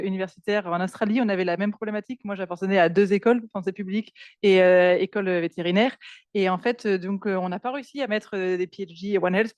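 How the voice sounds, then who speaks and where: A woman's voice: mid-range voice, darkish tone, no room sound, lo-fi sound. A woman academic making a spontaneous follow-up comment at a conference.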